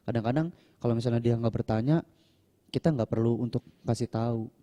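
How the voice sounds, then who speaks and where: A young man, speaking as a monk who answers questions in a relaxed, chatty way. His voice is very dark and mellow, at a middle pitch. He speaks without a microphone, so he sometimes comes through quieter. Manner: chatty, acts out quoted people with raised pitch. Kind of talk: casual storytelling in a Q&A talk.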